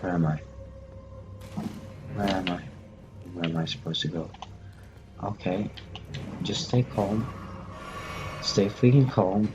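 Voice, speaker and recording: A man with a lowish voice talks slowly through his gameplay as a let's-play host, repeating himself when nervous and talking back to the characters on screen. Clear game music plays behind him. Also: muffled recording. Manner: jumpy, repeats phrases to himself. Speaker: gaming channel host.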